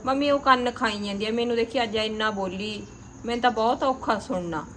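A woman's voice: fairly high pitch, fairly quick, fairly bright tone, echoey room, slight background noise, close to an everyday voice. An actress playing a young married village woman with a Punjabi accent, complaining about her mother-in-law. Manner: aggrieved complaining, plain rural talk.

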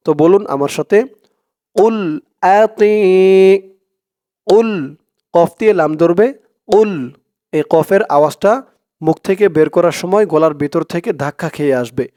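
A man from Bangladesh, teaching Quran reading by breaking words into syllables and chanting verses slowly. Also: fairly high pitch, a little mellow, no echo, clean studio sound. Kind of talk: slow step-by-step recitation lesson.

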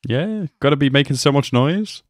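A man in his twenties hosts a reaction video, speaking close to a desk mic in a small indoor room. His medium-pitched voice has lively intonation and moves at a normal speed as he offers slangy, amused commentary in a casual way.

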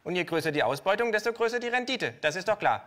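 A man voicing a brash, cynical male kangaroo who talks to a bank advisor in a shrill, gleeful, pushy way. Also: very animated, fast, pushed and bright, heavily acted.

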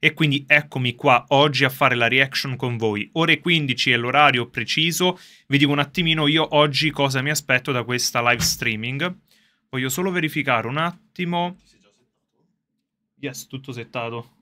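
Excitable man streaming live, bright voice. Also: mid-range voice, normal speed. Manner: excitable, chatty, laughs often. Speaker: streamer reacting live to a game reveal. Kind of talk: casual livestream chat to viewers. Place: soundproofed underground gaming room. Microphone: streaming setup with facecam.

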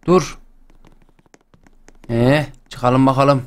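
A young man hosting a game channel, chatting and joking excitedly as he plays. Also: mid-range voice, drawn-out words. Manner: chatty, excitable, jokes and exclamations. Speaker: gaming channel host. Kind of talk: playful let's-play commentary.

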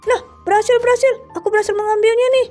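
A woman hosting and voicing a game roleplay in an excitable, exclaiming way. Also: very high-pitched, moderate pace, soft background music. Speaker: narrator and channel host.

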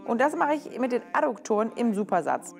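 A woman's voice: on the high side, big pitch swings, brisk, gravelly, darkish tone, soft background music. A young woman vlogger giving a casual, upbeat voice-over that explains her gym leg routine step by step. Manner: upbeat and chatty, explains each exercise step by step. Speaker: fitness vlogger.

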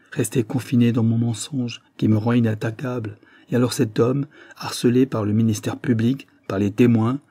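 A man's voice: lowish voice, dark tone, slightly rough, dry recording. A man reading an audiobook, voicing an anguished, guilt-ridden young man who confesses and breaks into desperate outbursts. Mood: bitter. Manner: tormented, rising to desperate outbursts.

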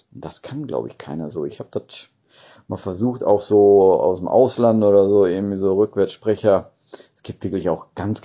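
A man in his forties talks off the cuff into a phone held at arm's length in a room. His voice is very dark and mellow, and he often ends phrases with a colloquial questioning tag. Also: low-pitched, husky. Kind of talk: casual rambling chat to camera. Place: small indoor room.

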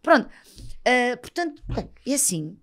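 With a fairly high pitch and a measured pace, a woman in her thirties speaks in a European Portuguese accent. She chats casually as a podcast guest, bringing her stories to life by acting out the dialogue.

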